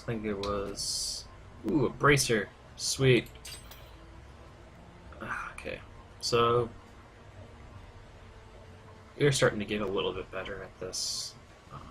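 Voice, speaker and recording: A man's voice: fairly low pitch, a bit bright, a little hiss or hum. A man hosting a gaming video, giving casual let's-play commentary as he plays. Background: game sound.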